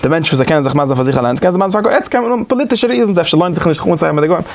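A man leading a class discussion in an informal study-group lecture. He talks in a halting way, restarting and repeating words often, and turns animated and emphatic. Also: a little high, creaky.

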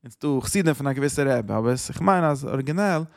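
A man's voice: mid-range voice, animated, very fast, gravelly, no echo, clean studio sound. A man, teaching a lesson on Psalms in loose, searching speech full of Hebrew and English terms. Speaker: Torah teacher.

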